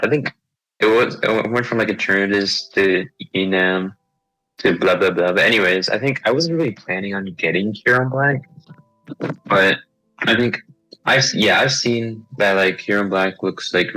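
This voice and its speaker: A man's voice: low voice, sharp tone, low-quality recording. A tired young man as a guest in a casual chat, speaking hesitantly with many fillers and restarts.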